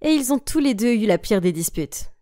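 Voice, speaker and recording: A woman's voice: on the high side, animated, normal speed, dark tone, dry recording, studio quality. A woman narrating a dramatized story in the first person and voicing all the characters herself. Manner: voices every character herself.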